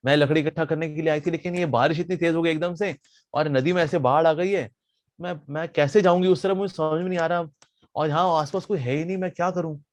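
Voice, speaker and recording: Man playing an anxious young village girl, wary and halting. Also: a little high, steady tone, dry recording, natural voice. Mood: worried. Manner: anxious, hesitant.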